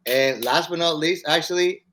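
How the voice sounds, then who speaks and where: A man's voice: fairly high pitch, moderate pace, a bit bright, a little hiss or hum. A man co-hosting a podcast in loose, joking casual chat. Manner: playful, joking, trails off into slang. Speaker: podcast co-host.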